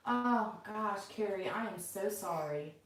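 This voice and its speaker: A woman's voice: medium pitch, a little slow, a bit bright. A middle-aged woman chatting casually and unscripted to viewers as the host of a livestream from home. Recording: very echoey room, far from mic.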